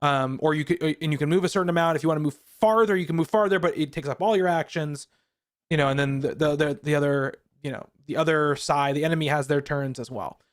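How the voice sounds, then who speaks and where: Guy with a kinda high voice, podcast cohost, rambly, lots of ums. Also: fast. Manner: rambling, with frequent ums and restarts. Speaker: podcast co-host. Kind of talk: casual chat.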